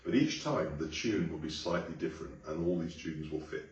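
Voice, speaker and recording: A man teaching a song to a class, explaining phrases and then singing them slowly. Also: expressive, recorded from a distance, dull audio. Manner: encouraging, sings lines slowly and high, then explains. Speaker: music teacher. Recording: very roomy, from away from the mic.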